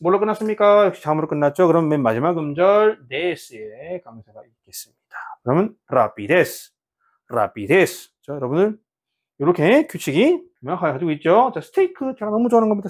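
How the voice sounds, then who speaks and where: A man teaching a beginner Spanish lesson in Korean, repeating example words slowly and asking his students questions. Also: high-pitched, expressive.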